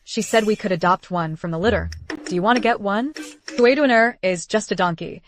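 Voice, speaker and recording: A woman dubbing a caring young wife in a period drama, with a gently bossy, fussing manner. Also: mid-range voice, moderate pace, a little hiss or hum, close to an everyday voice. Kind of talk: English dub of a period drama.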